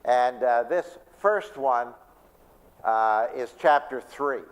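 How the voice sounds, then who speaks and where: A man's voice: medium pitch, takes it slowly. A male pastor giving a conversational church talk on stress, often asking the audience questions. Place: church sanctuary. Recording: long reverb of a church hall.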